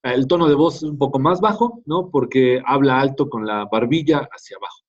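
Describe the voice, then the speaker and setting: A man's voice: mid-range voice, brisk, husky. A man giving a classroom lecture in a conversational way, often asking "¿no?" to check in with students. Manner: conversational, tags many phrases with "¿no?". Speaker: teacher. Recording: dull lo-fi classroom recording.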